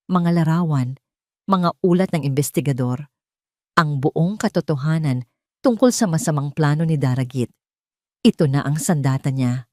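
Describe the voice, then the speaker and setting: A storyteller with a Filipino accent, this woman performs a scripted dramatic story in a low, darkish voice. It's recorded at studio quality without echo.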